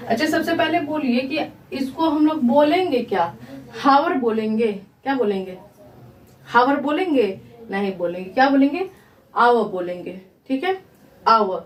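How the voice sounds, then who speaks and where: An animated, high-pitched woman teaches an English grammar lesson in Hindi, taking it slowly and answering the questions she repeats to her students. She's heard from a distance in an echoey room.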